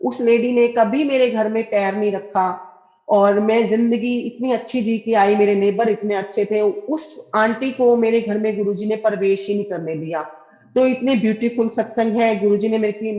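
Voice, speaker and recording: A woman's voice: mid-range voice, fairly even intonation, moderate pace, mellow. A middle-aged woman earnestly tells a personal devotional testimony, speaking directly to her listeners and acting out the dialogue. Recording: echoey, dull lo-fi recording.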